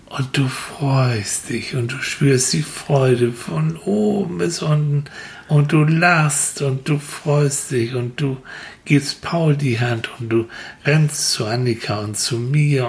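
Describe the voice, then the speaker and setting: A man softly telling a slow, soothing guided relaxation story to a listener. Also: mid-range voice. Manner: soft, soothing, drawn-out.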